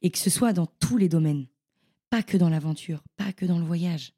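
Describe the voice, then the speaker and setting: A young woman, a podcast guest, telling her stories in a casual, animated and slangy way. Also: lowish voice, normal speed. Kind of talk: casual storytelling interview.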